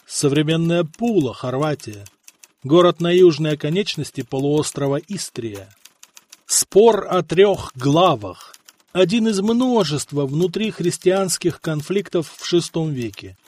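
Measured male audiobook narrator. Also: a little high. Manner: measured, even storytelling.

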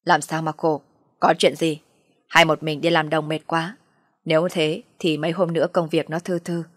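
A woman's voice: low-pitched, level tone, moderate pace, no room sound, studio quality. A woman voicing a blunt, impatient older farmer who presses his wife for answers. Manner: gruff, impatient.

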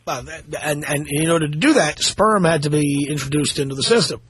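Mocking, fast-talking male radio host. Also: on the high side, husky. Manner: mocking, argumentative, interrupts constantly. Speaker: radio talk show host. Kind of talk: combative call-in radio talk.

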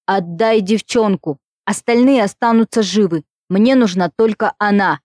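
A woman reading an audiobook, voicing a menacing undead male shapeshifter in a low, hollow voice that sounds like it comes through a tube. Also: normal speed, darkish tone, no room sound, studio quality, close to an everyday voice. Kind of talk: audiobook character voice.

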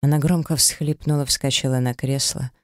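A man narrating a first-person audiobook story in a cold, flat, detached manner. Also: medium pitch, normal speed, no room sound, clean studio sound.

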